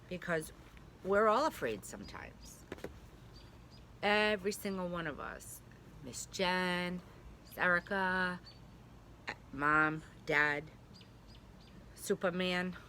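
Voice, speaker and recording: Reading a picture book to young kids, this pre-K teacher uses a fairly low, bright voice with a forceful tone. She keeps her words simple, talks straight to the children, and asks small check-in questions, with slight background noise behind her.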